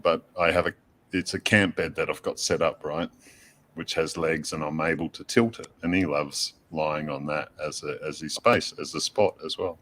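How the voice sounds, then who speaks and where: A man chatting as a guest, explaining things with lots of fillers and soft laughs. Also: rumbling low, fairly even intonation, moderate pace. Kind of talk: casual chat.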